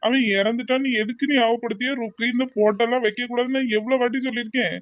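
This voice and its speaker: A man voices a grieving old husband in a cartoon, pleading with his wife and gently scolding her over and over. His voice is high and quick. The recording is dull and lo-fi, with a dry sound. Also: fairly even intonation, dry recording. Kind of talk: cartoon voice acting.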